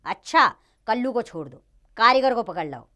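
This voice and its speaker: Woman doing a bossy foolish king, barking orders, lively high voice, storybook play. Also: moderate pace. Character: foolish blustering king of a lawless city.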